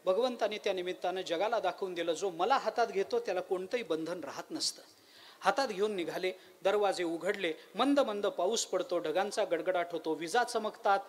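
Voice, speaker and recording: A male preacher giving a devotional kirtan sermon, with animated storytelling, rhetorical questions and chanted verses. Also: high-pitched, normal speed.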